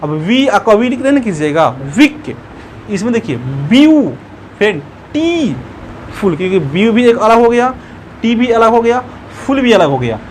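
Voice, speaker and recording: Male English teacher, high and lively voice, patient step-by-step classroom delivery, faint traffic noise behind. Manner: explains step by step, repeats words slowly and syllable by syllable. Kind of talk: classroom grammar lesson.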